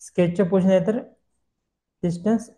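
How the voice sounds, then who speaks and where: A man giving a screen-recorded software tutorial, explaining step by step and asking himself questions he then answers. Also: high-pitched, fairly even intonation, moderate pace, poor audio. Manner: explains step by step, mixing English terms, repeats questions and answers them.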